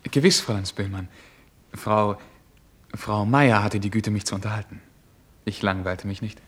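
In a German radio play, an actor portrays a courteous, naive young prince who speaks formally and earnestly yet gets flustered easily and hesitates. His male voice is fairly low, slightly rough, and moderately paced, with a stiffly courteous mood.

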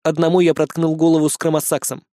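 A man as a calm, confident young warrior. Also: fairly high pitch, quick pace, no room sound, close to an everyday voice. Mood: firm. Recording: dry close studio audio.

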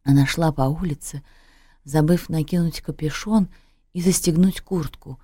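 A woman reading a literary story aloud in a measured, expressive way. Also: low voice, slightly rough, no room sound, clean studio sound. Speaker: audiobook narrator.

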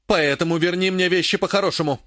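A man reading an audiobook, voicing a furious, grasping old woman mage in a raised, shrill, scolding voice. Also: fast talker, no room sound, studio quality, natural voice. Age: older.

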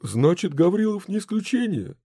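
A man reading an audiobook, voicing an eager, excitable middle-aged professor who talks in raised, questioning bursts. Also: high-pitched, normal speed, breathy edge, dry recording, studio quality, voice pushed up, full character voice.

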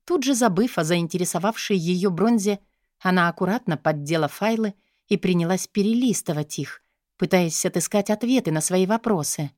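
A woman reading an audiobook in a measured, expressive way. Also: on the low side, no echo, studio quality. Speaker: narrator. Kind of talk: audiobook narration.

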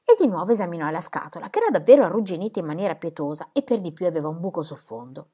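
A woman reading a children's book aloud with expressive storytelling. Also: lowish voice, very fast, slightly rough. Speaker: reader.

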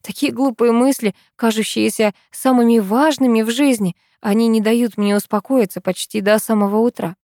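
A woman's voice: a little high, steady tone, normal speed, hardly any pauses, mellow, no room sound, clean studio sound. A woman reading a first-person story aloud in an earnest, emotional way.

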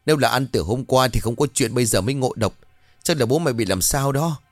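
A man's voice: mid-range voice, animated, fast talker, no echo, faint music behind, pitched above the performer's own voice, natural voice. A man voicing an older mother who frets and questions her son in a story. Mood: fretful. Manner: fretful, questioning. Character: older woman, worried anxious mother.

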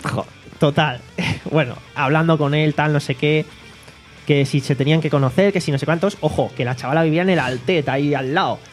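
Chatty man with a higher voice. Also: fairly quick. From Alicante, Spain. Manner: chatty, rambling anecdotes. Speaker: podcast co-host. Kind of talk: casual storytelling chat. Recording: faint guitar music behind.

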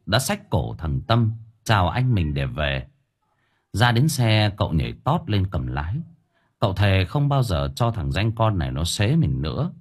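Husky storyteller man. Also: deep voice. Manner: vivid, dramatic storytelling. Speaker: audiobook narrator. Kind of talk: scripted story narration.

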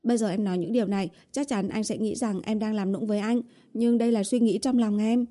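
A woman's voice: mid-range voice, steady tone, fast, mellow, pitched above the performer's own voice, lightly acted. A woman voicing a whiny young woman who pleads and sweet-talks her boyfriend, read in an audiobook. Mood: coaxing. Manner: pleading, coaxing. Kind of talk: audiobook character voice.

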